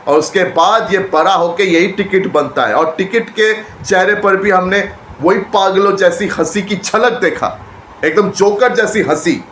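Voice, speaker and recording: High-voiced man recapping a trailer. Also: unhurried. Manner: excited retelling with repetitions and restarts. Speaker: movie trailer reviewer. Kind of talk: casual trailer reaction. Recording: echoey room with faint background noise.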